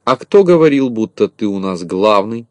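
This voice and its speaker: A man voicing a pushy little shorty who keeps shouting in a storybook reading. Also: lowish voice, big pitch swings, normal speed, no echo.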